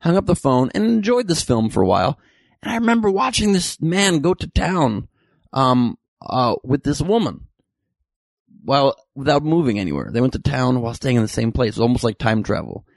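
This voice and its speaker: A man's voice: medium pitch, sing-song, fairly quick, creaky, no echo. A man hosting a comedy show, delivering a dry, rambling monologue full of self-correcting jokes. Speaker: comedy podcast host. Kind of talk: deadpan comic monologue.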